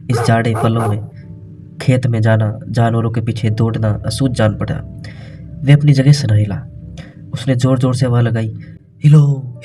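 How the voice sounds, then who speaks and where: A man reading a classic literary story aloud in measured, scripted narration. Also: medium pitch.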